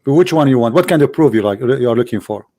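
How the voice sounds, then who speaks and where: A man's voice: medium pitch, lively intonation, quick pace, mellow, no room sound. A man hosting a live call-in debate show, arguing insistently and repeating his points to press a caller. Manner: argumentative, insistent, repeats phrases.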